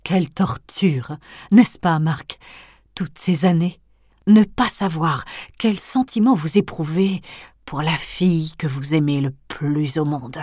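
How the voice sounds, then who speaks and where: A woman voicing a cold, menacing elderly aristocratic grandmother in an audiobook, speaking in hushed, often whispered tones that swell into threats. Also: sits low, takes it slowly, no echo, clean studio sound. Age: older. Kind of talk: audiobook character reading.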